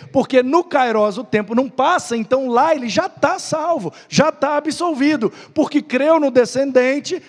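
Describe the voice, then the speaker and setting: A pastor with a Brazilian accent teaching a Sunday Bible class, explaining with rhetorical questions and stories. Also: male voice, very high-pitched. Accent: Brazilian Portuguese. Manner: lively, storytelling, rhetorical questions. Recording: long hall reverb.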